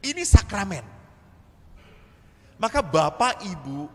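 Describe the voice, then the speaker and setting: Animated priest in a reverberant church. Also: male voice, sits high, slow pace. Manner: animated storyteller who acts out dialogue. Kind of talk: seminar talk in sermon style. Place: large church.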